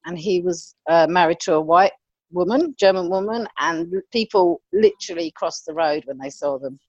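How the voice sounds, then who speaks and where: A woman's voice: on the low side, moderate pace, darkish tone, dry recording, dull audio. A woman from England, chatting casually on a podcast and acting out the people she quotes. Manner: chatty storyteller, acts out quoted voices. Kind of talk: casual chat.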